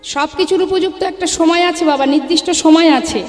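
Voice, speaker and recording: A woman's voice: very high voice, a little fast. A woman kirtan singer who chants devotional refrains and then preaches to a live gathering, calling her listeners baba and ma. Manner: scolds chatting audience. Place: live religious gathering with seats for the audience. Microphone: through a sound system. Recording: echoey hall with long reverb, music behind.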